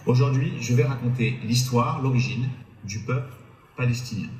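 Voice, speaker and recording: A man's voice: medium pitch, moderate pace, a little mellow, reverberant, rough recording. A man narrating a history lesson to his viewers, asking rhetorical questions and hesitating often as he explains. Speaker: history video presenter.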